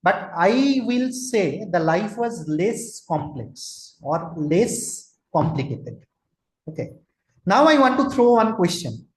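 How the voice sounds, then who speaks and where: In an online lecture, a man in his forties from Kolkata, speaking with an Indian English accent, poses questions to listeners and occasionally uses Hindi. His high voice has a sing-song lilt and a slow pace. The recording carries a roomy echo.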